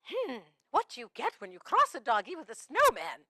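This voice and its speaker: Woman doing Mrs Claus: jolly, kindly children's host, sing-song laugh, high voice, dry close sound. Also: huge pitch swings, moderate pace, pushed and bright, no echo, exaggerated voice. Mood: cheery. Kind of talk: children's show role-play.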